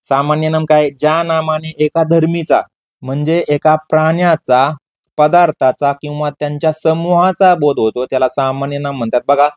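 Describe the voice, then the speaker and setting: A man leads an exam-prep grammar lesson. His voice sits a little high, and he drills each definition by asking a question and answering it himself, repeating the key words. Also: darkish tone. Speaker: teacher.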